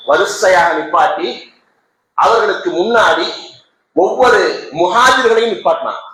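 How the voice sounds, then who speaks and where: A man giving a Friday sermon in a mosque, impassioned, dropping to soft low tones and rising to shouted peaks. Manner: acts out a crying child's words inside the story. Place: mosque prayer hall. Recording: very echoey mosque hall, faint noise.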